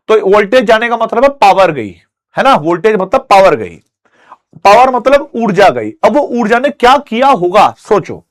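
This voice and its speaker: A male teacher giving a classroom lecture, telling stories and making sound effects to explain a point. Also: high voice. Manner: animated storytelling with sound effects.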